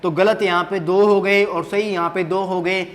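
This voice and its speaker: A man's voice: high-pitched, steady tone, normal speed. A man teaching Hindi grammar at a board, asking questions and answering them himself, repeating key words with emphasis, in an echoey classroom.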